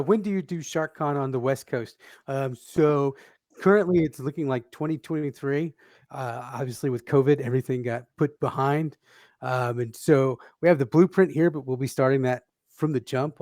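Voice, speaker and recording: Event organizer guy, steady answers, dry close sound. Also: mid-range voice, normal speed, no room sound. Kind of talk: casual Q&A chat.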